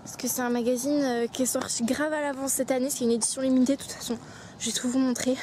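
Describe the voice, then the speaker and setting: Chatty high-voiced young woman vlogger. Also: level tone, fast, dark tone, a little hiss or hum. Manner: chatty, talks straight to viewers, often drops to a whisper. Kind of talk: casual day-in-the-life vlog. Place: outdoors and at home, moving through the day.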